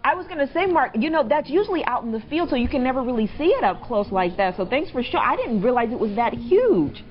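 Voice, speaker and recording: A woman's voice: high-pitched, big pitch swings, quick pace, lo-fi sound. A woman hosting a live TV show, chatty and playful with her field reporter. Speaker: TV show host. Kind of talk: live TV studio talk.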